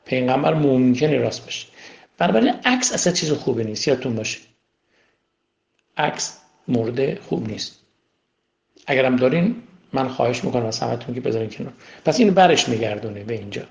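A man's voice: mid-range voice, animated, creaky, long pauses. A man teaching a spiritual class in a lecture style, asking rhetorical questions and repeating key words for emphasis. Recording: roomy echo.

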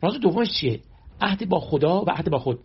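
A man's voice: high voice, sing-song, breathy edge. A man giving a sermon, explaining scripture verse by verse and answering his own rhetorical questions. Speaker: religious teacher. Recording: dull lo-fi recording.

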